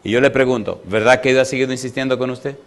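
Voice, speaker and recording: A man's voice: mid-range voice, quick pace. A man, a pastor, preaching a sermon with repeated phrases, rhetorical questions to the congregation and a story told with voiced dialogue.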